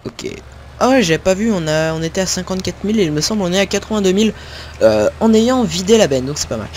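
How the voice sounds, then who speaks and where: Talking to his viewers over his own gameplay, a young man from northern France who makes gaming videos rambles with many fillers and self-corrections in a high, expressive voice, quick-paced and a little mellow. Slight background noise mixes with faint game sounds of tractors and a farm.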